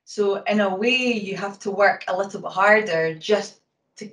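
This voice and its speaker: A woman with a Scottish accent, a hockey umpire, answering interview questions quickly and casually with lots of fillers. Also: medium pitch, steady tone, a bit bright. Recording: roomy sound from a distance from the mic.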